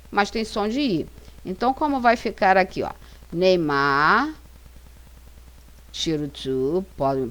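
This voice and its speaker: A Brazilian woman with a Brazilian Portuguese accent, an English teacher narrating a slide lesson and reading example sentences slowly and carefully. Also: on the low side. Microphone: voice-over for slides.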